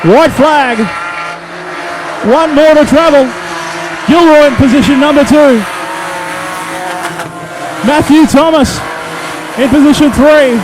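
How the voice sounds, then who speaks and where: An Australian man calling a race as a motorsport commentator, excited, colloquial and punchy. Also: very high voice, slow, pauses often, noisy background. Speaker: speedway race commentator and trackside interviewer. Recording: loud race car engines behind the voice. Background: race cars, engines and tyre squeal.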